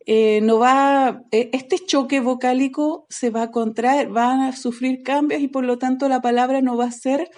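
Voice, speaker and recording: A woman's voice: on the high side, darkish tone. A woman teaching an ancient Greek grammar video lesson, explaining step by step and often checking in with her viewers.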